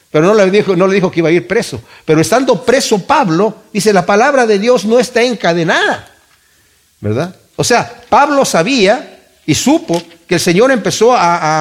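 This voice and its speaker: A man with a fairly high voice delivers a sermon to his congregation. He reads scripture aloud and repeats his key lines for emphasis. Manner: preaching with emphatic repetition and scripture reading. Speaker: pastor.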